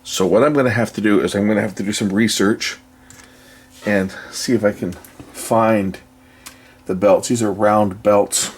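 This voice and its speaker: Speaking a little slowly in a lowish, fairly even voice, a man hosts a repair video without a script. He thinks aloud, frequently trailing off or questioning himself, over clear background noise and the room's ambience.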